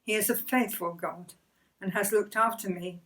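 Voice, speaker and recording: An older woman telling her personal faith story in a hesitant, gentle way, often repeating words and giving soft laughs. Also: medium pitch, steady tone, normal speed, recorded from a distance, poor audio. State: emotional near the end. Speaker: church member sharing testimony.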